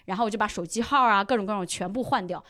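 A young woman chatting as a podcast guest, telling a story in an animated way and acting out the quoted lines. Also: mid-range voice, rapid-fire. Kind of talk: casual chat, storytelling.

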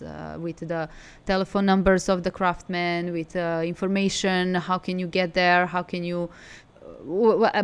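Clear-voiced woman with a Serbian accent. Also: fairly low pitch. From Serbia, from Belgrade. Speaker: interview guest, design studio co-founder. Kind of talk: conversational interview answers.

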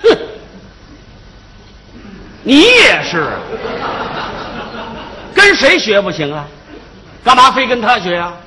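Brief: male comic, teasing, animated, high and bright. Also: slow, pauses often. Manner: teasing, mock lecturing. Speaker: crosstalk comedian. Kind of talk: comic stage dialogue.

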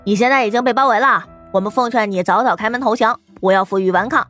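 A loud, self-important woman detective barks orders and slogans through a shut door, as a man puts her on. The voice sits high and races along, all bluster. Soft music hums beneath the storybook reading. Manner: shouting threats through a door, rattling fast.

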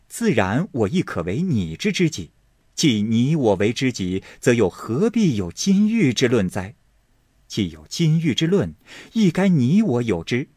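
Sex: man. Role: audiobook narrator. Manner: expressive storytelling with lively pitch. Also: no echo, clean studio sound. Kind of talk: classical novel storytelling.

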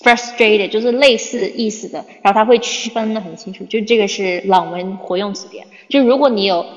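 A woman's voice: mid-range voice, a little fast. A woman English teacher talking bluntly in a casual livestream Q&A, reading out viewer questions and scolding a little. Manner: reads viewer questions aloud. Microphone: phone. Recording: dull lo-fi phone livestream with long reverb.

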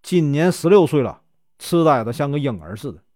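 A man's voice: on the high side, big pitch swings, a little fast, no echo, clean studio sound. A man voicing a deaf, talkative old aunt who fusses over her guest and scolds her giggling girl. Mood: fussy, chatty. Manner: talkative, fussy, scolds loudly.

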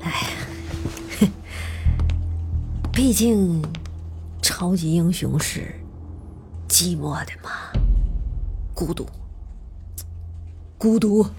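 A woman's voice: on the low side, drawn-out words, long pauses, a little mellow, soft background music. A woman playing a boastful director. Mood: smug. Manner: bragging, self-satisfied. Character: boastful show-off institute director. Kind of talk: fan audio drama acting.

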